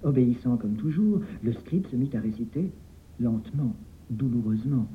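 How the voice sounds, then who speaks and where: A man's voice: mid-range voice, expressive, a little hiss or hum. Man telling a tale over narrowband sound. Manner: measured, dramatic telling. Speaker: narrator. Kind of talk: storytelling narration. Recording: phone-like narrowband, faint music.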